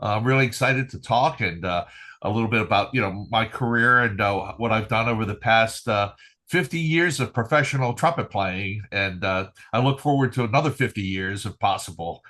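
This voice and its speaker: An older Finnish man, a retired military trumpeter, tells stories as a guest on a relaxed podcast interview. His voice sits on the low side and sounds bright and forceful at a moderate pace. He rambles good-humoredly, dropping in plenty of "uh" fillers.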